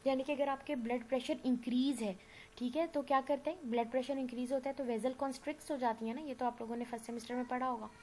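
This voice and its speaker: Her voice is high and darkish, fairly even in intonation, and she talks fast despite a sore throat. She is giving a recorded anatomy lecture, explaining things patiently, using English medical terms and frequently checking in with "theek hai." The sound is poor, with a faint background hum of noise.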